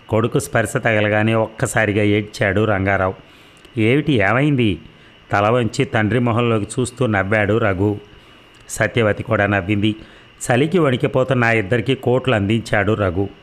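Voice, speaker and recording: A man with a lowish voice reads a novel aloud. His narration is steady and measured, in a plain storybook manner.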